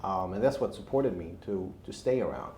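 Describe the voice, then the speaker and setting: With a low-pitched, darkish and expressive voice at a moderate pace, a man from Albania tells his story casually as an interview guest. He is in his thirties, speaks Albanian as his first language, and works in real estate investment. The space sounds echoey, with faint background noise.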